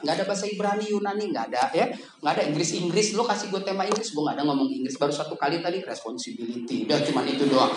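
Animated joking preacher man, echoey hall. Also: fairly high pitch. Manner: joking, animated, switches to loud bursts. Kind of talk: lively sermon to young people. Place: church hall. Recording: echoey hall with background noise.

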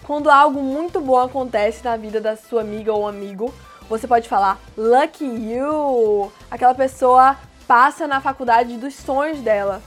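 Woman teaching English phrases. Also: fairly high pitch. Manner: explains plainly, repeats English phrases slowly. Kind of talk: casual language lesson.

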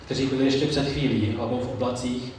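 Male preacher, measured sermon delivery, distant mic in a booming hall with a little ambience. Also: level tone, a little mellow, slight background noise. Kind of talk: sermon with Bible reading. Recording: very echoey room, mic far off, faint ambience.

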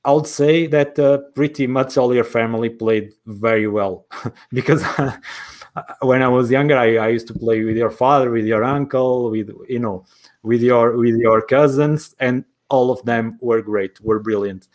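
A man's voice: medium pitch, fairly even intonation, a little slow. A man with a Portuguese accent conducting a conversational interview in his second language, with long rambling lead-ins to his questions.

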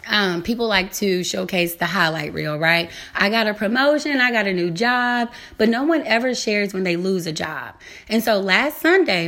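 A woman speaking directly to listeners in an earnest devotional talk, warm in her address and often asking "right?" and "okay?". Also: mid-range voice. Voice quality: earnest, preacherly, building to emotion. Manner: addresses listeners directly with fillers and tag questions. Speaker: faith speaker.

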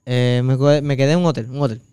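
A man's voice: medium pitch, fairly even intonation, quick pace, warm tone, clear, resonant tone, no echo. A man from Puerto Rico with a Puerto Rican accent, telling a long casual story on a podcast, full of fillers and crude slang. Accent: Puerto Rican Spanish. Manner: rambling anecdotes with many fillers and crude slang. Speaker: podcast co-host.

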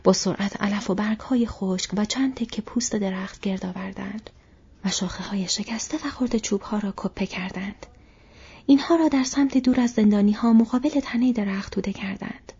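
A woman narrating an audiobook in a steady, even storytelling manner. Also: mid-range voice, husky. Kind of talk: scripted narration. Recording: dull lo-fi recording.

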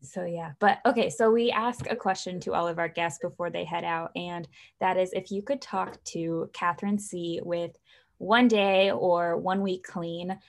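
A woman's voice: on the low side, steady tone, a little slow, vocal fry. Woman, podcast co-host, bubbly, chatty, casual. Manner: bubbly, chatty, lots of fillers and laughs.

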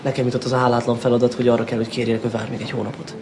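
Brief: actor playing an evasive, placating broke man, mid voice, film soundtrack with clear background noise. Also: mid-range voice, little pitch movement, natural voice. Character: broke man stalling a colleague's pay. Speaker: film character.

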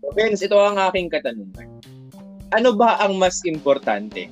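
A man's voice: high-pitched, sing-song, normal speed, faint music behind. A young man hosting a casual student podcast in Taglish, teasing his guests with playful questions. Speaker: host.

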